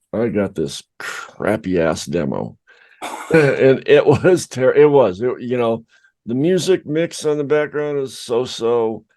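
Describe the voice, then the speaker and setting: Middle-aged male podcast co-host, low voice, casual, self-deprecating storyteller. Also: gravelly, a little mellow.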